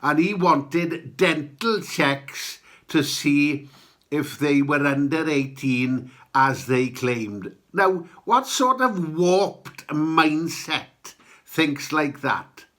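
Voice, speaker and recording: A man with a Welsh accent delivers opinionated podcast monologue. His voice is fairly high and sharply bright, and he talks slowly, halting and then landing emphatic points. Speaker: podcast host. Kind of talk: comic political monologue.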